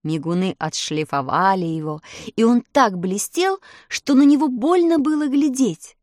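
A woman narrating a children's fairy tale aloud, with expressive, lilting storytelling and slowed emphasis. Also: on the high side, no echo, clean studio sound. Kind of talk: storybook reading.

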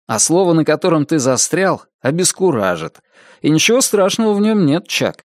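A man voicing a calm, patient adult male tutor who corrects gently. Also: a little high, normal speed, no echo, clean studio sound, pitched above the performer's own voice.

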